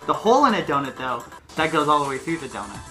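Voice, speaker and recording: A man's voice: a little high, sing-song, fast talker, bright, forceful tone. A young man co-hosting a video, arguing his points in a casual, playful debate. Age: young adult. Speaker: video co-host. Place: small living room, indoors on a sofa. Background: music.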